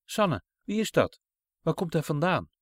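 A male narrator puts on a concerned woman from a storybook, asking anxious questions. Her voice is set a little high, and the sound is dry and close. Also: big pitch swings, unhurried, no room sound. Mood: puzzled. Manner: questioning, worried. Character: puzzled concerned woman at a children's home.

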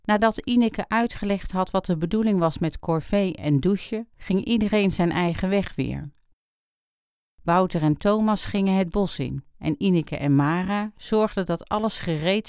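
A woman with a smooth, resonant voice, pitched a little low, reads a story aloud. Her storytelling is calm and even, and the close, dry recording holds no room sound. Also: no room sound. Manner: calm storytelling, quotes characters with light voice changes. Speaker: audiobook narrator. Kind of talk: scripted narration.

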